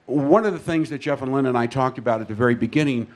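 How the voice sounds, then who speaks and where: A man's voice: medium pitch, quick pace, darkish tone. A man, a guest who manages an internet radio network, chatting enthusiastically before a live audience. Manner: enthusiastic, storytelling.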